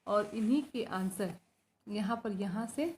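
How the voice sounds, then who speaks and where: A woman's voice: mid-range voice, a little slow, darkish tone, a little hiss or hum. A woman teacher with a Rajasthani Hindi accent, explaining grammar step by step and answering her own questions. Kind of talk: grammar lesson. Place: school.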